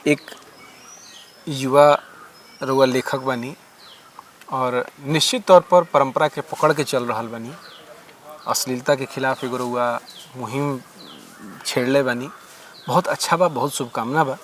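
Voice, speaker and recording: A man's voice: medium pitch, a little slow, long pauses, fairly bright tone, a little hiss or hum. A man with a Bhojpuri accent hosting a podcast, asking long conversational questions. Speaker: podcast host. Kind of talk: interview questions.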